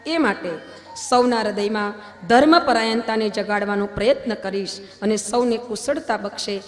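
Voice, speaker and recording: A woman's voice: medium pitch, moderate pace. A woman officiating a wedding at a religious gathering, reciting vows and preaching with emphatic, swelling delivery. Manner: emphatic, swelling louder on key points. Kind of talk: ceremonial vow recitation and preaching. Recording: long hall reverb, faint music.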